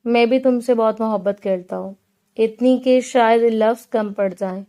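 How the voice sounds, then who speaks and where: A woman reading the lines of an affectionate young husband in an audiobook, soft and teasing. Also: a little high, steady tone, clean tone, natural voice. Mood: tender. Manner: soft, playful and tender.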